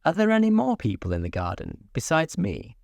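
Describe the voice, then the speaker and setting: Storybook: a polite, earnest young girl, voice lifted high, by a male reader. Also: wildly swooping pitch, brisk, creaky, a little mellow, no echo, clean studio sound, heavily acted. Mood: curious.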